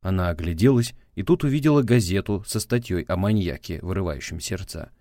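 Steady and measured, a deep-voiced man narrates a scripted audiobook. The mic is close and the recording dry, with no trace of the room.

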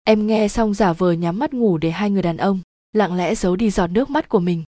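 A woman narrating a spooky village story in a steady, even storytelling tone. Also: mid-range voice, a little fast, dry recording, clean studio sound.

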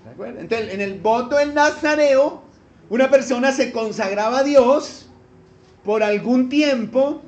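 A man's voice: very high-pitched, unhurried, darkish tone, lo-fi sound. A man with a Colombian accent preaching a sermon as a pastor, often checking in with his listeners with short questions. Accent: Colombian Spanish. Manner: asks the congregation frequent check-in questions.

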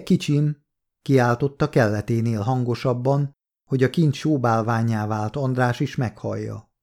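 A man narrating a novel as an audiobook, reading in a calm, measured way. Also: medium pitch. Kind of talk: scripted narration.

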